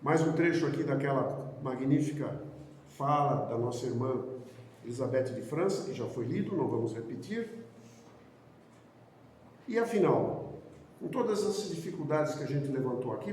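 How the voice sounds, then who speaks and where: A man's voice: medium pitch, expressive, normal speed, darkish tone, a little hiss or hum. Brazilian man lecturing in an echoey hall. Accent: Brazilian Portuguese. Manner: rhetorical questions, emphatic repetition. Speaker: spiritist lecturer. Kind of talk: doctrinal lecture. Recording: echoey hall, speaker far from mic.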